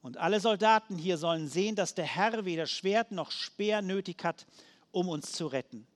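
A man reading the words of young David, bold and defiant, in a slow declamatory way. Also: sits high, animated, in a large hall.

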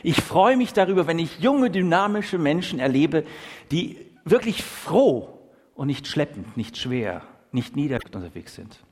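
A man with a somewhat high voice preaches a sermon in a church hall, and his words ring out with a long echo. He reads scripture in a measured way, then carries on with lively, emphatic remarks. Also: slightly rough. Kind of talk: sermon with Bible reading.

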